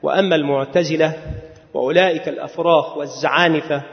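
A man giving a religious lecture at a measured pace, now and then drawing words out in a chanting lilt. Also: fairly high pitch, steady tone, gravelly. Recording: long hall reverb, dull lo-fi sound.

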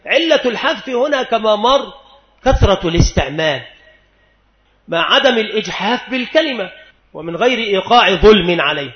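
A man teaching a grammar lesson, slow and deliberate, repeating each example word. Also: high-pitched, lively intonation. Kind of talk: grammar lecture. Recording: echoey hall, dull lo-fi sound.

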